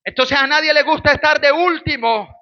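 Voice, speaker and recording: A man from Colombia with a Colombian Spanish accent, preaching a sermon with lively storytelling that rises into shouted exhortation. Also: extremely high pitch, normal speed, vocal fry, muffled recording. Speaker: pastor.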